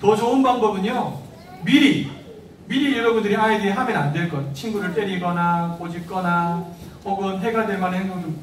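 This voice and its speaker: High-voiced man preaching in an echoey hall. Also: slight background noise. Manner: acts out parent and child voices, asks the congregation questions. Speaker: pastor. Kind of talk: sermon to parents. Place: church hall. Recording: echoey church hall, mic at a distance.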